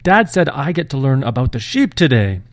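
A man voicing an eager ten-year-old shepherd boy in a raised, excited voice. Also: medium pitch, moderate pace, dry recording, natural voice.

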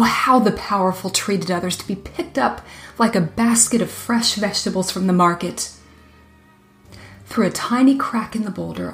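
A woman narrating a folk tale in a measured, expressive reading voice. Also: mid-range voice, reverberant. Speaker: storyteller. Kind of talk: storybook narration.

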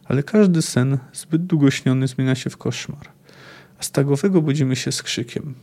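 A man reading aloud the lines of a calm, courteous male vampire with a formal, courtly manner. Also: mid-range voice, normal speed, close to an everyday voice.

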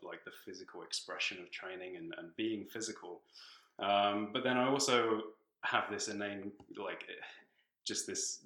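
Guesting on a podcast, a young strength coach, English-born and Tanzania-raised, talks training in a loose, conversational way, with fillers and laughter between phrases. His British accent carries traces of living abroad. The voice is deep, the room echoes, and the recording is rough.

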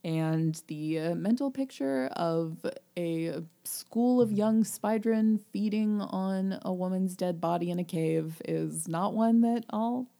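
A woman's voice: mid-range voice, slow pace, vocal fry, hardly any pauses, mellow. A woman co-hosting a casual book podcast, chatty and thinking aloud with frequent ums. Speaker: podcast co-host.

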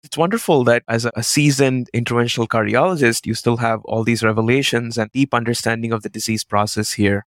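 Young male podcast host, polite and clear, mid pitch, dry studio sound. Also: fairly even intonation, a little fast, hardly any pauses, no echo. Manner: appreciative, summarizing, presents case clearly. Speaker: podcast co-host, cardiology fellow. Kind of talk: podcast interview.

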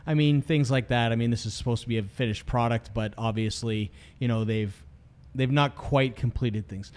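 A man's voice: mid-range voice, steady tone, normal speed, a little mellow. A man co-hosting a casual podcast, laughing easily and filling his talk with "yeah" and "I mean". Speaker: podcast co-host.

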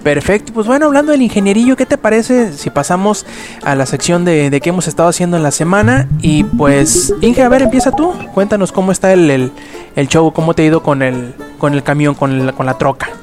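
Higher-voiced Mexican man hosting a podcast. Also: lively intonation, a little fast. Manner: informal, slangy. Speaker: podcast host. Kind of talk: casual chat over background music. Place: remote voice call podcast. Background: background music.

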